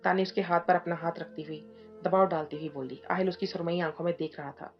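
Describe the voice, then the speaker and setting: Woman narrating a novel over soft music. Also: fairly low pitch, brisk. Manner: steady storytelling, reading all parts in her own voice. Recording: dull lo-fi audio with soft music behind.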